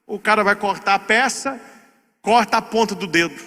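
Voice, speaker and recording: A man's voice: sits high, moderate pace. A man preaching a sermon, telling a comic story and acting out the scenes, recorded in an echoey hall. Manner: animated, comic, acts out scenes.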